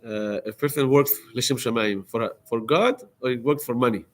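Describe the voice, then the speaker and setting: A man teaching a class as a rabbi, telling a story in a lively way, acting out what people said, with many fillers and restarts. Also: medium pitch, moderate pace. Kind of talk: storytelling lecture.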